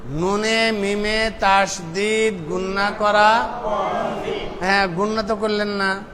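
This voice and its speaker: A male Quran teacher drilling pronunciation with a class, drawing out syllables slowly, then explaining quickly, and chanting the verses. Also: sits high, fairly even intonation, sharp tone, a little hiss or hum. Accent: Bangladeshi Bengali.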